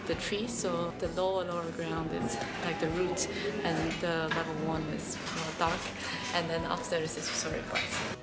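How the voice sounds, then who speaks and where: A woman's voice: lowish voice, flat delivery, normal speed, over loud music. A young woman vlogging from a restaurant table, chatting casually as she tastes and describes each dish, with the camera held at arm's length. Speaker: food vlogger. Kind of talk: casual vlog narration. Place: restaurant dining room, indoors.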